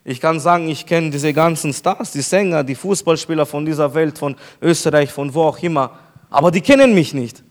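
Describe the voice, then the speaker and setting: A man with a notably high speaking voice delivers a sermon as pastor. He preaches with emphasis and stretches out key phrases slowly, repeating them for weight.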